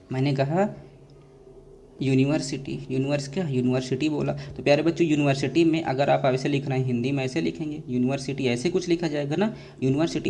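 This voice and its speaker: A man's voice: a little high, a little mellow, slight background noise. Man teaching grammar in call-and-response. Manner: repetitive call-and-response drilling, addresses students as dear children. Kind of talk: classroom lecture, asking and answering his own questions.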